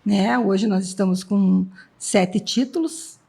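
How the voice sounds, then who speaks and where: A woman in her fifties, a team president, chats casually as a guest on a podcast. Her medium-pitched voice is slow, creaky, warm and a bit rough, and she often ends her lines with "né?".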